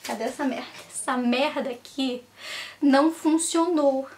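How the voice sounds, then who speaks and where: A woman's voice: high voice, measured pace. A young woman venting at home in a vlog, stressed and tearful, swearing and exclaiming. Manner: upset, swearing, expressive outbursts. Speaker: vlogger. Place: at home, indoors.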